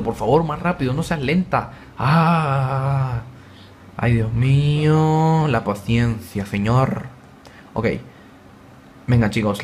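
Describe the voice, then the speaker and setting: Young male gaming host, chatty and excitable, average pitch, faint background hiss. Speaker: gaming YouTuber. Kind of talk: let's play commentary.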